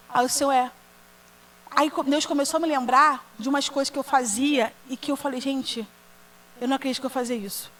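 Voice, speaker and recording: A woman's voice: sits high, low-quality recording. A woman with a Brazilian Portuguese accent preaching a sermon as a women's ministry leader, telling a personal story and speaking straight to the congregation. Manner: earnest storytelling, addressing the congregation directly.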